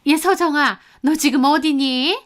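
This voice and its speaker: A woman's voice: sits high, measured pace, a bit bright, pitched above the performer's own voice. Woman putting on a shrieking, scolding middle-aged mother-in-law. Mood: demanding. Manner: screeching, scolding, hysterical. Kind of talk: storytelling radio drama.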